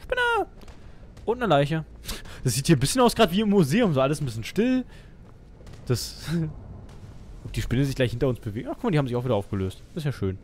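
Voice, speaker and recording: A man's voice: on the high side, very animated, quick pace, darkish tone, slight background noise. A man doing casual commentary on a let's play stream, grumbling and mocking, swearing at his companion.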